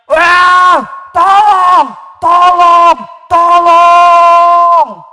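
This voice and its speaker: A woman voicing a big storybook lion, crying out loudly for help. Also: very high-pitched, flat delivery, drawn-out words, some chatter behind, pitched above the performer's own voice, exaggerated voice. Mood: desperate. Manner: loud wailing cries for help. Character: big lion, proud then helpless. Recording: long hall reverb.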